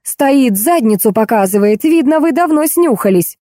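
A woman's voice: high voice, measured pace, dark tone, dry recording, clean studio sound, pitched above the performer's own voice. A woman voicing Lenochka, a furious jealous young woman who screeches coarse insults, in an audiobook.

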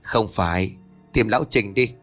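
A man voicing a stern old village exorcist who talks in a gruff, commanding way in a narrated horror story. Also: fairly low pitch, normal speed, fairly bright tone, faint music behind.

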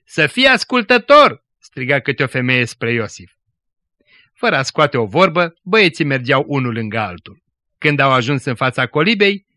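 A man delivering an earnest radio sermon that mixes storytelling with exhortation. His voice is bright and forceful at a medium pitch, recorded close and dry in a studio. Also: no echo. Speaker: preacher.

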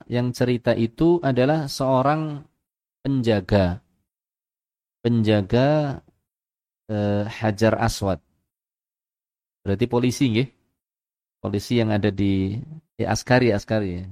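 A man, an ustadz giving a sermon in a mosque, halting and repeating himself, acting out the voices in his story. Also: a little mellow. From Indonesia. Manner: halting, repeats words, acts out voices in the story with rising pitch.

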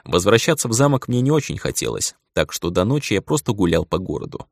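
Deep-voiced man narrating an audiobook. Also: fast talker, gravelly, no room sound, clean studio sound. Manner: dramatic, expressive reading. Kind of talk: first-person audiobook narration.

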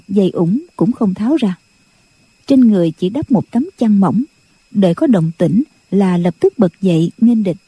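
A woman's voice: mid-range voice, slightly rough, no echo. A woman narrating a martial arts novel as an audiobook, telling the story evenly and voicing the characters. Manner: even storytelling delivery with voiced character lines. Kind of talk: scripted narration.

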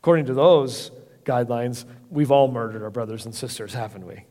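A middle-aged man delivers a sermon in a plain, conversational way, earnest and prone to restarting his sentences. His voice sits at an ordinary middle pitch. A long reverb from the church hall trails after each phrase. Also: a little fast, mellow. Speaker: pastor.

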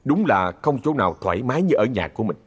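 Fields: Man, Southern Vietnamese storyteller, husky. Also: mid-range voice, sing-song, quick pace. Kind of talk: ghost-story narration.

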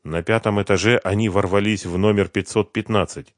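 A man narrating a thriller novel in a steady, measured read. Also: lowish voice, dry recording, clean studio sound. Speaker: audiobook narrator.

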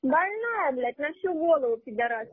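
Female caller, very high voice, aggressive and foul-mouthed, dry tinny phone sound. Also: sing-song, normal speed, dry recording. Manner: aggressive, crude, swears constantly. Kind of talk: abusive phone argument.

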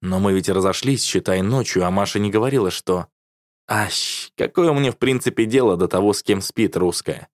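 An audiobook narrator reads a first-person novel in a low register at normal speed, his delivery wry and sardonic. He is close to the mic in a dry, dead-sounding room with no echo.

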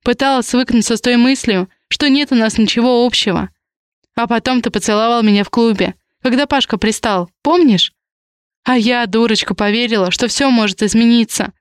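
A woman reading an audiobook, voicing a lovestruck young woman in a lighter, higher tone. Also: a little fast, clean tone, no echo, clean studio sound, natural voice. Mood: wistful. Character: young woman, teasing yet tender, lovestruck.

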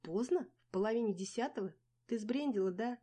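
A woman's voice: fairly high pitch, lively intonation, a little fast, mellow, pitched above the performer's own voice. A woman reading an audiobook voices a blunt young female best friend who scolds and insists. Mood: bossy.

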